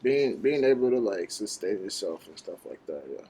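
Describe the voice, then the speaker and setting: A young man from Nigeria, a college basketball player, chatting casually as an interview guest, laid-back and halting, with many fillers. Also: on the low side, sing-song, warm tone, slight background noise. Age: young adult.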